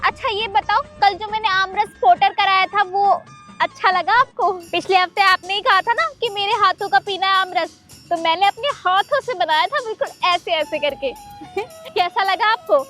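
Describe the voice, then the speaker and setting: Girl doing a sugary clingy girlfriend, super high voice, comedy skit. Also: normal speed, pushed and bright, soft background music. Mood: doting. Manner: sugary, pleading, doting. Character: sweet clingy young girlfriend.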